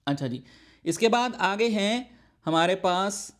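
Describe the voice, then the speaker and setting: A man with a somewhat higher voice gives a recorded language lesson. He goes slowly and patiently, sounding out each letter several times and pausing often to check that the listener is following. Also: lively intonation. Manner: slowly demonstrates sounds, repeating them aloud. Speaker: Arabic teacher.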